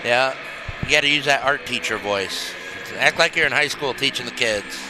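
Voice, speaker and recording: A man's voice: medium pitch, moderate pace, background noise. A man in casual chat at the broadcast booth, teasing his partner with joking banter. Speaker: color commentator and sidekick.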